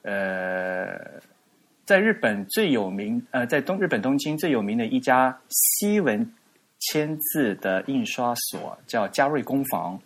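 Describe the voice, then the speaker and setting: A man with a husky, slightly rough voice chats casually as a podcast co-host. He talks at an easy pace and fills his sentences with hesitations, as if thinking aloud. His pitch sits in the middle range. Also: sing-song. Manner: unhurried, with many fillers. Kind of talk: casual chat.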